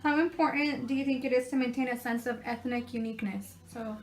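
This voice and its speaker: A woman's voice: a little high, fairly even intonation, fairly quick, poor audio. A woman interviewer asking prepared questions hesitantly, with many ums. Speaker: student interviewer.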